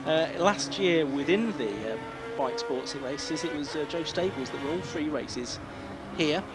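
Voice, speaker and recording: A man's voice: on the high side, unhurried, over loud music. A man working as a motorsport commentator, calling a race live with descriptive play-by-play. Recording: noisy trackside outdoor sound, engines behind.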